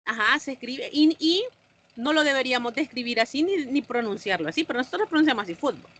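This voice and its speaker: Explaining woman teacher, high voice. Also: expressive, fast talker, a bit bright. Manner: explanatory, asks the class questions. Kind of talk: online class lecture.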